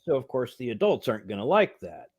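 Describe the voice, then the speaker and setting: A man's voice: medium pitch, very animated, fast talker, a little mellow, breathy edge, dull audio. An American man co-hosting a movie review in casual, enthusiastic chat. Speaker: movie review podcast co-host.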